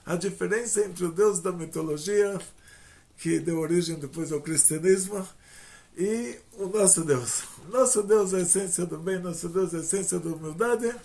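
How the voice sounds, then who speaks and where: A man preaching as a rabbi, telling teaching stories and growing loud and animated at the punchlines. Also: sits high, normal speed, creaky. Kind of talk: sermon. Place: outdoor gathering.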